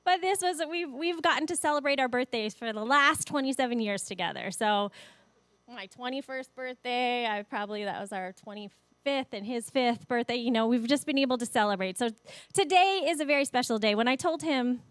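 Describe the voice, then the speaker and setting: A woman's voice: fairly high pitch, a little fast, a bit bright, clear, resonant tone, no room sound. A woman in her forties giving a sermon in a church, telling personal stories in an emotional way and laughing often. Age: 40s. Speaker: guest speaker. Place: church sanctuary.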